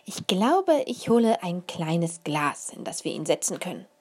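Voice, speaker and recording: A friendly kindergarten teacher who explains things to the children, as a woman reading a storybook puts her on. She sounds close to the reader's own slightly husky voice, only a bit lighter. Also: lowish voice, sing-song, unhurried, a little mellow, heavily acted.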